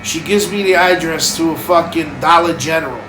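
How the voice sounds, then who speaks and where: A man's voice: on the high side, moderate pace, crowd noise, rough recording. A man telling a casual story-time tale, full of swearing and quoted back-and-forth dialogue. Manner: profane, lively retelling with quoted dialogue. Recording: music playing in background.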